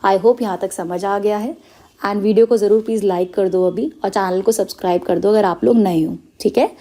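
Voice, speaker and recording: A woman's voice: medium pitch, steady tone, normal speed, dark tone. A woman teaching a step-by-step stenography lesson, explaining each shorthand rule patiently and checking often that her students follow, with English terms mixed into her talk. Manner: explains patiently, checks with frequent "clear?" and "okay".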